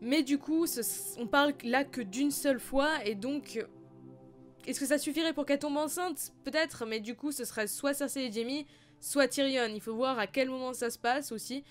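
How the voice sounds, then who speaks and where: A young woman vlogger talking casually about fan theories, playful and self-mocking, her voice slightly hoarse. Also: sits high, moderate pace, faint music behind. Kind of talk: casual chatty video commentary.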